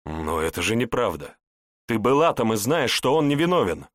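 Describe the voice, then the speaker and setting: A man voicing a young male battle mage in an audiobook, a weary, warm-hearted soldier who speaks plainly and earnestly. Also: on the low side, very animated, normal speed, dry recording, clean studio sound, voice pushed up. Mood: indignant.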